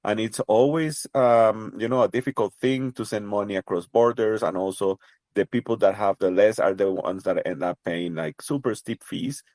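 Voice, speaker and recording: A Costa Rican man, a native Spanish speaker with a Costa Rican Spanish accent, appears as a podcast guest representing a crypto project in a casual interview. His fairly low, darkish voice moves at a moderate pace with no echo, and he talks thoughtfully and casually, with many fillers and restarts.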